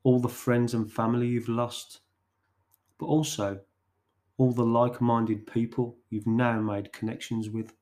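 A man hosts his podcast and tells a short story. His delivery is slow and deliberate, with pauses between phrases. His voice sits at a medium pitch. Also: flat delivery, a little mellow.

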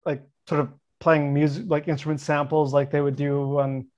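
A middle-aged man hosting a podcast in natural, unscripted casual talk, friendly and quick to poke fun at himself. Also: fairly high pitch, level tone, darkish tone. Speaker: podcast host interviewing a friend. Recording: dull lo-fi sound.

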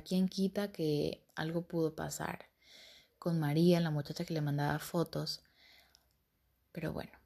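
A woman's voice: sits low, creaky, dark tone. A young woman candidly recounting a painful personal story, emotional and blunt, repeating herself and swearing now and then.

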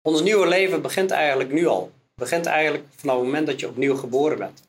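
A man's voice: fairly high pitch, fast talker. A man with a Dutch accent preaching a sermon, reading Bible verses aloud and explaining them one by one. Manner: reads scripture aloud, then explains it verse by verse.

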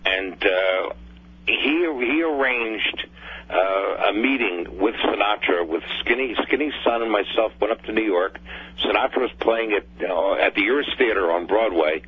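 A man's voice: lowish voice, lively intonation, a little slow, breathy edge. Older man calling in over the phone. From New Jersey. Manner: hesitant, reminiscing, with many fillers and restarts. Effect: heard over the phone. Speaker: caller. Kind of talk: phoning in to a radio talk show. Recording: dull phone line with faint hum.

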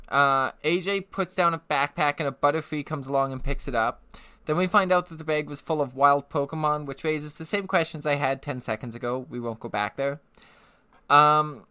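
A man's voice: medium pitch, clean tone, dry recording. A man co-hosting a podcast, casually recapping a cartoon episode with lots of fillers and frequent laughter. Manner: laughs often, animated, filler-heavy. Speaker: podcast co-host. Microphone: headset.

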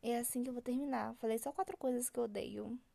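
A young woman hosting a solo podcast, ranting in an exasperated, animated way and mimicking other people. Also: fairly high pitch, fast, vocal fry. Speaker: podcast host.

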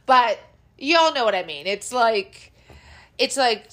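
A woman hosts a loose, casual podcast chat about pop culture. She laughs easily and swears without a second thought, keeping things relaxed and informal. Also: on the high side, slow pace. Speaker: podcast host.

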